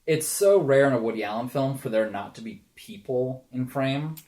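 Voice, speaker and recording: A man's voice: medium pitch, animated, normal speed, warm tone. A young man co-hosting a casual movie podcast, chatty and thinking aloud. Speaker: podcast co-host.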